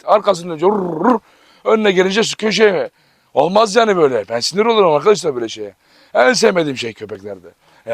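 A man's voice: high voice, dry recording. A man running a dog farm vlog, calling commands to his dogs and talking animatedly to his viewers. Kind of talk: casual vlog narration.

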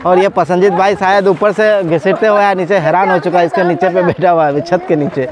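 A man's voice: sits high, crowd noise. A man in his forties with a cold, chatting casually as he vlogs at an outdoor water park, filming himself by phone at arm's length. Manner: chatty, excited, laughs often, many filler pauses. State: has a cold. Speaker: vlogger. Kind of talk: casual vlog commentary. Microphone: phone selfie at arm's length.

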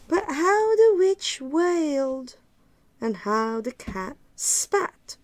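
Woman, children's storybook read-aloud, slow, lively pitch, higher voice, sing-song. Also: creaky. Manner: expressive, sing-song rhythmic reading. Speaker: children's book reader.

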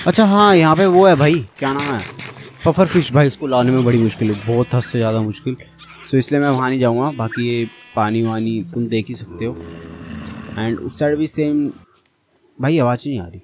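A man's voice: medium pitch, fairly quick, noisy background. Chatty man narrating gameplay. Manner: chatty, addresses viewers as brother. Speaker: gaming channel host. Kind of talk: casual gameplay commentary.

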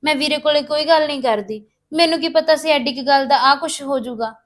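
An actress playing a young sister-in-law who pleads and defends herself. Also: female voice, high voice, brisk, lightly acted. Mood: pleading.

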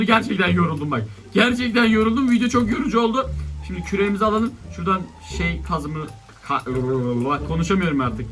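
A young Turkish-accented man talks through a Minecraft playthrough in a high, bright voice. He narrates his moves with lively energy and keeps erupting in exasperation at the monsters. Faint game music plays underneath. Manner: excitable, exasperated outbursts at attacking monsters. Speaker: gaming YouTuber. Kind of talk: Minecraft let's-play commentary.

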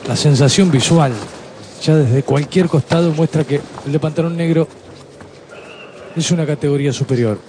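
A man's voice: on the high side, moderate pace, long pauses, dark tone. A man doing terse live blow-by-blow boxing commentary. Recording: faint ringside venue noise behind.

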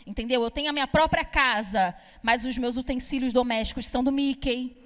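A young woman from Brazil, speaking, does a stand-up comedy set on a club stage. Her voice sits high, and she talks in a brash, chatty way, teasing the audience and swearing freely. The room adds a long, ringing reverb. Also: brisk, a bit bright. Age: young adult. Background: audience laughter.

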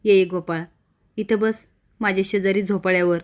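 A woman voicing a bossy older village wrestler and family head who scolds loudly while recapping a serial. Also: medium pitch, steady tone, normal speed, natural voice.

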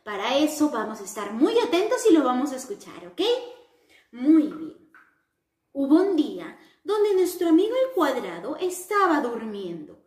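Woman teacher telling a children's story; very high and lively, slow sing-song, echoey room. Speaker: preschool teacher. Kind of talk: storytelling lesson for young children. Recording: roomy echo.

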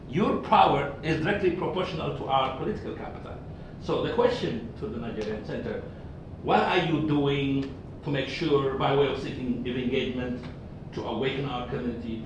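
Older man from ethiopia, emphatic, heard from far off, lots of room echo, background noise. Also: medium pitch. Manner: emphatic, repetitive, rising insistence. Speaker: audience member asking a question. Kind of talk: impassioned public forum comment. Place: large conference room with audience. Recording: very echoey distant room recording, noisy.

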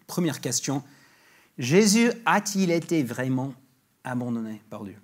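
Husky-voiced man preaching in a church. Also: medium pitch, sing-song. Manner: conversational, with frequent restarts and fillers; reads scripture slowly and emphatically. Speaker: guest preacher. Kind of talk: sermon. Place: church sanctuary.

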